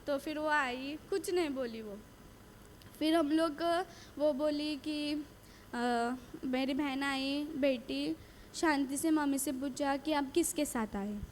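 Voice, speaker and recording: A woman with a high, light voice shares a personal faith testimony. She tells it earnestly, doubling back on phrases and voicing each exchange of dialogue as she goes. A faint hiss of noise sits under her voice. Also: takes it slowly. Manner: earnest storytelling, repeating phrases and quoting dialogue. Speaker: retreat speaker giving testimony.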